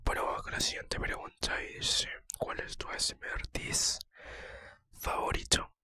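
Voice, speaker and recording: Close to the mic, a man answers personal questions in a relaxed ASMR whisper, his replies broken by soft, hesitant pauses.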